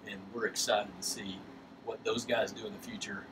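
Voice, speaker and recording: Upbeat middle-aged broadcaster, low voice. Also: male voice, level tone, moderate pace. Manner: upbeat, encouraging. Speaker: sports broadcaster interviewing coach. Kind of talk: postgame interview. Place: press box above a lit ballfield at night. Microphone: headset mic. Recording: distant mic with background noise.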